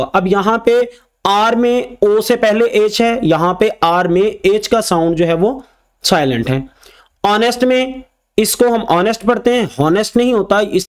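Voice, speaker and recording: Male phonics teacher, high voice, patient and slow, repeats example words. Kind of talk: spoken English lesson.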